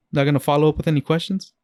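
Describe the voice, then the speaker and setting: Playful and rambling, this man co-hosts a podcast and often talks over others during the casual chat. His voice is on the high side with a darkish tone. The close-miked recording has no echo.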